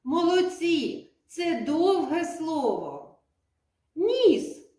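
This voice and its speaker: A woman kindergarten teacher giving a lesson to young children, speaking slowly and clearly in a sing-song teacherly way. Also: fairly high pitch, sing-song, darkish tone. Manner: slow, clear, sing-song teacherly speech with drawn-out words. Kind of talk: preschool lesson addressed to children. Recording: echoey room, voice from a distance.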